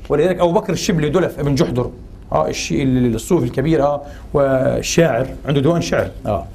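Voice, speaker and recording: A man giving a religious and cultural lecture, posing rhetorical questions and pausing on filler sounds. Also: medium pitch, creaky, dark tone, slight background noise.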